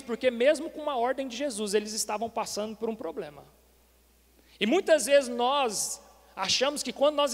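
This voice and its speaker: A man with a very high voice preaches to his congregation, building his point through repeated rhetorical questions. His words ring out with a long reverb in a church hall. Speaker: pastor. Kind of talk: sermon.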